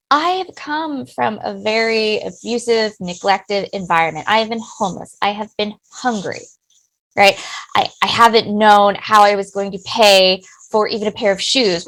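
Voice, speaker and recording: A middle-aged woman who owns a business answers interview questions in a personal, talkative and warm-hearted way. Her voice is medium-pitched, and the recording is low quality.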